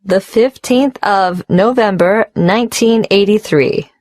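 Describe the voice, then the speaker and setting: A woman's voice: mid-range voice, slow pace, a little mellow, dry recording, clean studio sound, lightly acted. A woman playing a polite, unmarried applicant giving her details in a scripted exam dialogue. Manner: polite, careful answers.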